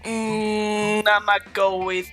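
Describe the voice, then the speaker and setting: A woman's voice: medium pitch, flat delivery, extremely slow, a bit bright, faint music behind. A woman hosting a gaming video, casually commenting and reading the game's text aloud.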